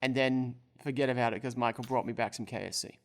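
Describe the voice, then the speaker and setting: A man's voice: mid-range voice, little pitch movement, fast talker, crowd noise. A young man playing a tabletop role-playing game, describing his actions in a rambling, joking way. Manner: rambling, full of filler words and restarts, joking. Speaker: player. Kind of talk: casual tabletop role-play narration.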